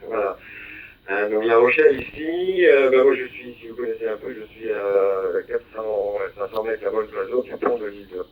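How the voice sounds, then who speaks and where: Heard through a receiver from a handheld radio mic, a man with a fairly low voice speaks at normal speed during an over-the-air ham contact. He hesitates, uses many fillers, and spells call signs phonetically, all in tinny narrowband digital sound with faint hiss.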